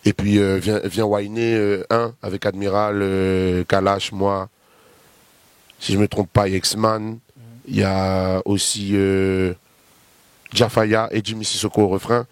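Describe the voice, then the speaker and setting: His voice is lowish and level, a little slow and clean, recorded without room sound. The speaker, a Réunionese guest artist in his thirties with a Réunionese French accent, rambles through long lists with many fillers during a casual interview chat.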